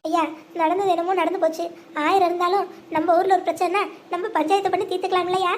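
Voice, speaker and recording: A high-voiced performer voicing an older village mother who pleads and wails for her jailed daughter. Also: little pitch movement, fast talker, a little hiss or hum. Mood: pleading. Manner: wailing, pleading.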